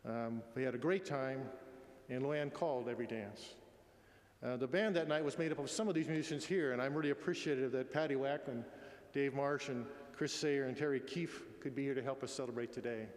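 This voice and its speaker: A man in his sixties giving a eulogy in a tender, faltering, halting way. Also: mid-range voice. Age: 60s. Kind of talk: eulogy, spoken address. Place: large echoey room at a memorial gathering. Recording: echoey hall with long reverb.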